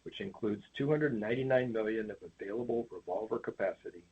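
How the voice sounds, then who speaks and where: Over a tinny phone line with background noise, a finance executive delivers formal, scripted remarks on an earnings call. He talks fast in a fairly low-pitched voice.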